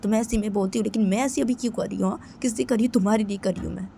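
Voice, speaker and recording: A woman voicing an angry young woman who keeps repeating herself, loud and indignant, in a homemade storytelling video. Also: medium pitch, rapid-fire, creaky, slight background noise, lightly acted. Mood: upset. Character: young woman, furious at her own mother.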